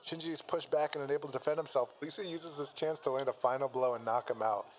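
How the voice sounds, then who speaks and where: A man's voice: mid-range voice, steady tone, quick pace, rough recording. A man reading a fan-written fight story aloud and breaking off to comment. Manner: reads plainly, breaks off to laugh and comment. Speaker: story reader and reactor.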